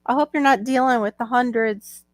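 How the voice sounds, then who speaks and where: A woman's voice: a little high, a little fast, crowd noise. A middle-aged woman hosting a livestream, chatting casually and laughing often. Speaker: livestream host. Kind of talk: casual chat. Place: home livestream. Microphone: video call.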